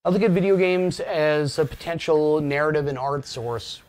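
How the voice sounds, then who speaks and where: A man co-hosting a casual gaming news podcast, his voice sitting a little high. He gets excitable, swears freely and breaks into loud rants. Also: moderate pace. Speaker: podcast co-host. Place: home.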